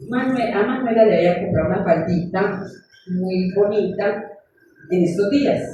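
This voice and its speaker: A woman's voice: medium pitch, a little hiss or hum. Echoey female preacher from afar. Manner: earnest, storytelling, addresses the congregation warmly as beloved. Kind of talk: sermon. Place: church. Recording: echoey room, far from the mic.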